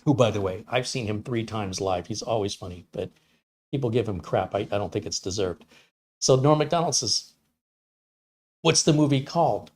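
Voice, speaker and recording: A man's voice: fairly low pitch, a little fast, a little mellow, husky. A middle-aged man hosting a live stream, chatting casually and rambling through stories, acting out the lines he quotes in different voices. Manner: rambling storyteller who acts out quotes in voices. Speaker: live stream host reading chat. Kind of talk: casual chat.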